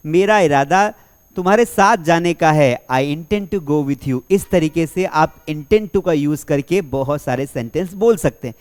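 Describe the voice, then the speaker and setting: Teaching English while speaking Hindi, this man has a slightly high voice and an energetic classroom manner. He dictates example sentences slowly, asks rhetorical questions, then repeats the answers.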